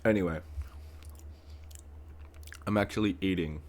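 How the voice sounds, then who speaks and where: Low-voiced man rambling about a song. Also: unhurried, a little mellow. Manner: rambling, with many fillers and restarts. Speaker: music reaction streamer. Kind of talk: casual reaction commentary.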